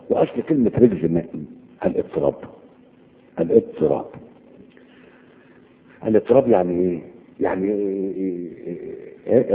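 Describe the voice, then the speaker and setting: A low-voiced Egyptian man teaches Quranic vocabulary, pausing to quiz his listeners. His voice is gravelly. The recording is tinny and narrow, with a long hall echo trailing each word. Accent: Egyptian Arabic. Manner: quizzing listeners with repeated questions. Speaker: religious teacher. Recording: tinny phone-like audio with long hall reverb.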